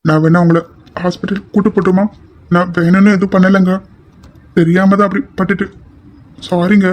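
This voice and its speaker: Woman doing a nervous young guy voice, kinda deep, keeps saying sorry, audio drama. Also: level tone, moderate pace, darkish tone, natural voice. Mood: apologetic. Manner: pleading, repeating apologies. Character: anxious apologetic young man.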